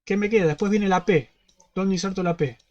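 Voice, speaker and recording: A man's voice: sits high, brisk, a little mellow, highs cut off. A man with a Rioplatense Spanish accent teaching an online class. He explains step by step and keeps checking that students follow. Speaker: university teaching assistant.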